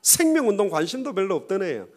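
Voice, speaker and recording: An impassioned male pastor delivering a sermon in a high voice. His pitch swings widely as he builds to fervent peaks, then sinks back to quiet retelling with quoted dialogue. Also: sing-song, fast. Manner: impassioned preaching with quoted dialogue and sudden drops in volume.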